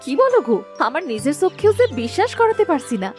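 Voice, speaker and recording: A woman voicing a poor, sharp-tongued village wife in a cartoon, scolding and sarcastic in manner. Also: very high voice, sing-song, quick pace, soft background music. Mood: excited. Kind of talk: cartoon voice acting.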